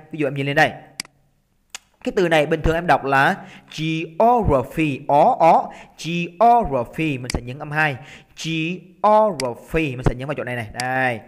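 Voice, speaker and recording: A Vietnamese man teaching an English exam-prep lesson. He is lively and coaxing, drags out words slowly to show the stressed syllable, and keeps checking in with his students. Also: a little high, slight background noise. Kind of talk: exam-prep lesson, explaining test answers. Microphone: computer recording while drawing on screen.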